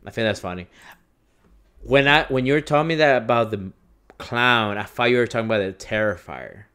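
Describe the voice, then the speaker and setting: A man's voice: medium pitch, animated, fairly quick, pushed and bright, clear, resonant tone. Laid-back young man in bar banter. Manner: laid-back banter with frequent restarts and swearing. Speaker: podcast co-host. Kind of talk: casual chat over beers.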